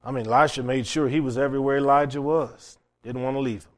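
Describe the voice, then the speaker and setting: A man's voice: medium pitch, fairly even intonation, fast talker. A man preaching a conversational sermon, plain-spoken, repeating phrases for emphasis.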